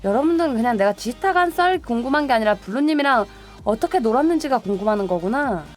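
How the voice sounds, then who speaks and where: A young woman streamer telling stories to her viewers in casual chat, animated, laughing often and acting out other people's voices. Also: a little high, fast talker, faint music behind.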